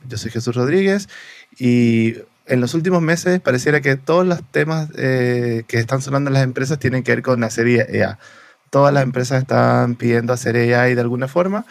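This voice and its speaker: A male podcast host opens the episode in a relaxed, conversational way, pausing now and then with hesitant fillers. His voice has a strong gravelly fry. The recording is dry and close, with no room sound. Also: medium pitch, no echo. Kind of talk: podcast introduction.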